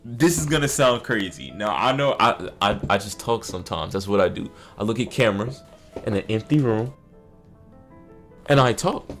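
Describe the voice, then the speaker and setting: A man's voice: on the low side, a bit bright. A man doing comedic commentary, talking casually and in slang straight to his viewers. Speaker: commentary YouTuber.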